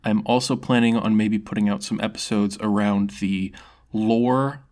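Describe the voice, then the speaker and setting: This channel creator reads out a fantasy tale of their own making in a mid-range, darkish voice with a steady tone and measured pace. Sometimes the telling is dramatic, and sometimes it chats casually with listeners.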